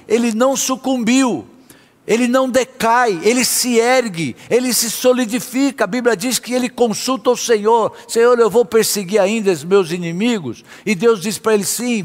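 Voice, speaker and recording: A man preaching a sermon as a pastor, impassioned, sometimes half-singing his phrases. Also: sits high. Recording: long hall reverb.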